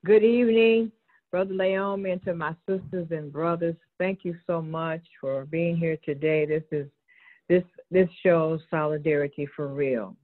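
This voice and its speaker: A woman's voice: low-pitched, steady tone, unhurried. A woman from Chicago, a reverend, giving an earnest personal testimony in an online discussion and acting out the exchanges she recounts, calling in by cell phone. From Chicago, USA. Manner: earnest storytelling, acts out quoted exchanges. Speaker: reverend and board member. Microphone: cell phone call-in. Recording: phoned-in, narrow phone-line sound.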